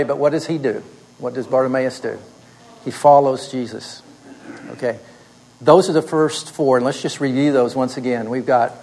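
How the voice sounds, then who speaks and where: A man's voice: medium pitch, darkish tone, rough recording. A man teaching a class. He walks the students through a story by putting questions to them and often answering them himself, in a plain mid-range voice. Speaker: instructor.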